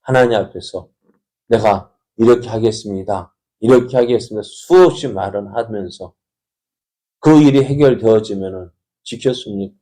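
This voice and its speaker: A male pastor with a lowish, dark-toned voice gives a dawn prayer sermon, frequently putting rhetorical questions to the congregation.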